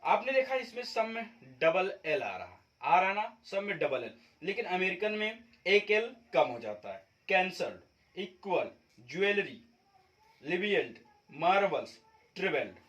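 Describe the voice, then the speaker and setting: A man's voice: high voice, very animated, a little slow, fairly bright tone, poor audio. A man from India teaching spelling differences, explaining step by step and checking in with his viewers often. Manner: repeats points, checks in with viewers. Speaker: English teacher. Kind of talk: classroom-style explanation.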